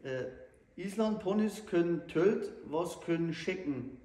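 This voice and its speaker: Higher-pitched man in an echoey room. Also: animated, takes it slowly, mellow. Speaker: comedy show host telling flat jokes. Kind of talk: casual joke-telling banter. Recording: echoey room, distant mic, faint noise.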